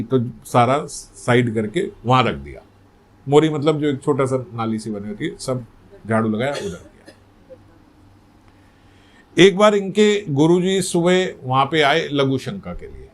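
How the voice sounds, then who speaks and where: A male spiritual teacher narrates a devotional story in a relaxed, conversational sermon. His voice sits fairly high. He often turns to the listeners with rhetorical questions. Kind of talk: religious katha sermon.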